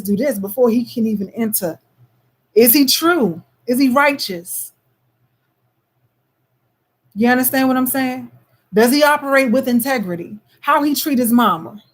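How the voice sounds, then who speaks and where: Chatty woman, slightly high voice. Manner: loose and conversational, frequent "you know what I'm saying"; slips into a put-on Caribbean lilt. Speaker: vlogger. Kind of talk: casual monologue.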